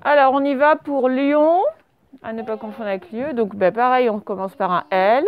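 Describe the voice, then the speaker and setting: A woman's voice: fairly high pitch, normal speed, phone-quality sound. A woman teacher giving a classroom dictation, spelling words out letter by letter and quizzing her pupils. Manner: asks pupils questions and praises answers. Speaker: primary school teacher.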